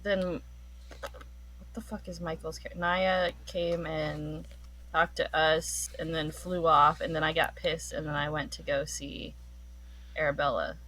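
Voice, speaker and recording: A woman playing in a tabletop game, animated and joking, quick to laugh. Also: low voice, low-quality recording. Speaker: player. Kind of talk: casual tabletop game chat.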